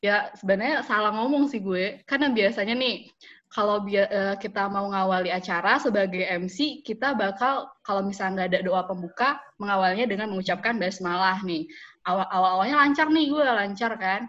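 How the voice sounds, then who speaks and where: A young woman, chatting and telling stories, quick to laugh. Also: medium pitch, fairly bright tone. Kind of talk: casual chat. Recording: dull lo-fi recording.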